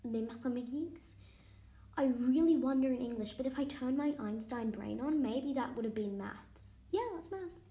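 A chatty young woman talks through her guesses out loud and now and then slips into a whisper. Her voice sits a little high with a mellow tone, and an echoey room surrounds it. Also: normal speed. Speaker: student. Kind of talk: casual vlog, quizzing herself on vocabulary.

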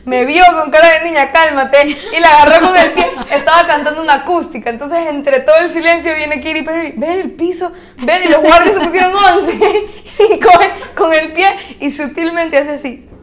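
A young woman from Ecuador telling a story in casual chat, animated and laughing often as she acts out the people in it. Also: very high voice, moderate pace, few pauses.

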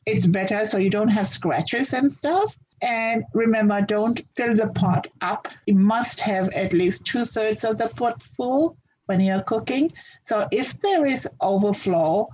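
A woman's voice: medium pitch, a little slow, darkish tone, highs cut off, a little hiss or hum. A woman from Fiji answering interview questions in a practical, upbeat way. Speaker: interview guest.

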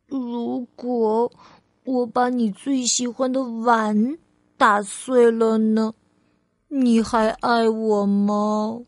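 A curious, anxious little girl from a storybook, speaking in a high, eager child's voice, as a woman reads her lines. Her questions come slowly, one careful word at a time. The sound is dry and close. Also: no room sound. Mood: timid. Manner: asks questions in a higher, louder child voice.

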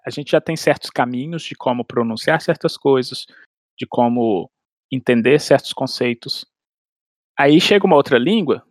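A man's voice: medium pitch, no echo, studio quality. A man, explaining language learning in casual chat with everyday analogies and frequent restarts. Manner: explains with everyday analogies and acted-out inner dialogue. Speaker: language expert guest.

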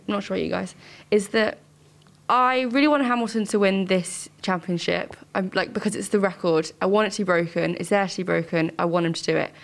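A young woman from England co-hosting a podcast, talking in a chatty, animated way with lots of fillers. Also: lowish voice. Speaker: podcast co-host. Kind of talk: casual podcast chat.

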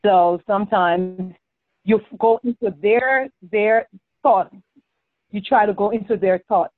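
A woman's voice: medium pitch, a little slow, no room sound, faint music behind. A woman, a mother who is a guest on a podcast, chatting casually and telling stories, laughing often. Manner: warm storytelling, laughs often. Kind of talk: casual interview chat. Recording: tinny phone-like line, dry.

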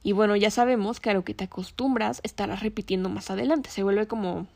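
Woman, self-help host, gentle conversational, mid pitch, dry close recording. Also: brisk, gravelly, no echo. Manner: gentle, conversational, asks listener questions. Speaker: podcast host. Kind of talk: reflective self-help talk.

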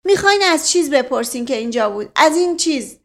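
A woman's voice: high voice, expressive, fairly bright tone, voice pushed up. A woman voicing a cheeky young boy who keeps insisting and cutting in, in a storybook reading. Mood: insistent. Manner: eager, insistent interrupting.

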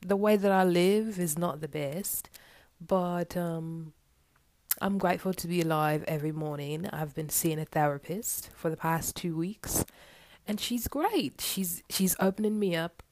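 A woman's voice: fairly low pitch, unhurried, darkish tone, close to an everyday voice. A woman voicing an overwhelmed young waitress who talks in an earnest, rambling way. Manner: earnest, rambling, swears when annoyed.

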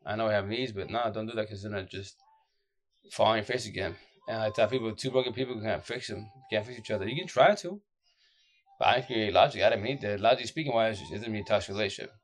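A man speaks in a low, groggy voice that sounds drained from lack of sleep. He gives advice casually and off the cuff, like a streamer talking to followers. His delivery is blunt and slangy, circling back over the same short phrases. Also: quick pace. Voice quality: deep, groggy voice. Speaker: social media advice streamer.

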